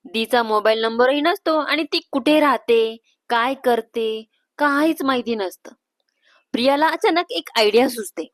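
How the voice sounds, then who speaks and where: A woman storyteller reading a family story aloud in a calm, steady narration. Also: on the high side, a little slow, no echo, clean studio sound.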